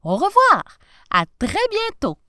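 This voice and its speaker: A woman voicing an excitable, easily delighted male professor in a storybook reading, exclaiming in a high, breathless voice. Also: measured pace, no room sound, studio quality. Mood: pleased.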